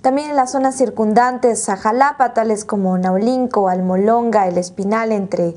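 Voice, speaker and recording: A woman's voice: fairly high pitch, normal speed, warm tone. A woman in her thirties with a Mexican accent, presenting news in a television studio. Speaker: news anchor.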